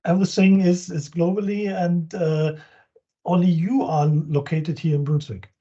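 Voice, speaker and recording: A man's voice: a little high, steady tone, measured pace, dark tone. A man with a German accent hosting an interview, friendly and affirming, who restarts phrases in English. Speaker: interview host, business coach. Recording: dull lo-fi sound.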